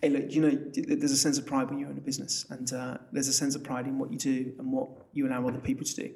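A man's voice: mid-range voice, monotone, racing, vocal fry, darkish tone. A man with an Essex accent giving chatty, emphatic interview answers as a business founder, often repeating words. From Essex, England. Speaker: business founder, podcast guest.

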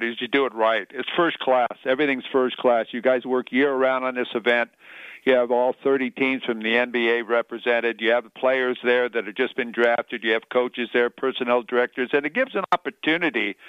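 Clear-voiced male sports radio host. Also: mid-range voice, no room sound. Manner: effusive, promotional, repeats phrases for emphasis. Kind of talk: sports talk radio hosting and interviewing. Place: radio show broadcast. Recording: slightly dull, dry radio sound.

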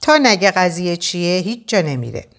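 A woman's voice: fairly low pitch, big pitch swings, a bit bright. Woman voicing a stubborn, demanding young man. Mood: insistent. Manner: insistent, questioning, confrontational.

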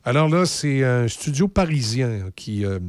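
A man's voice: mid-range voice, animated, measured pace, no echo, clean studio sound. A man with a Québécois accent co-hosting a morning radio show, sarcastic and given to stammered repetitions. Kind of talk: casual morning radio chat.

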